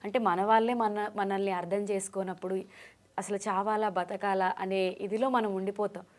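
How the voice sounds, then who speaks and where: A woman's voice: mid-range voice, little pitch movement, normal speed. A woman interviewing a guest, asking probing personal questions and mixing in English words. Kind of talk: interview questions with frequent hums of agreement.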